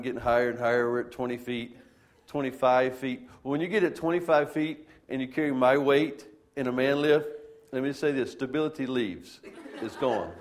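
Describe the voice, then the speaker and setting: A man, a pastor, preaching a sermon and telling a funny, self-deprecating story to his congregation. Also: mid-range voice. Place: church.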